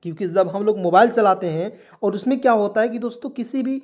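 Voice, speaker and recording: A man's voice: sits high, fast, dark tone. A man teaching English spelling in an online lesson, asking his listeners rhetorical questions and checking that they follow.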